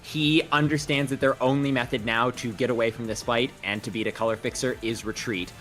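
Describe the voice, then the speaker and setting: A man at the table narrates what his character does in an easy, considered manner. His voice is bright and forceful at a middle pitch, with faint music in the background. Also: fairly even intonation, brisk. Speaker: player.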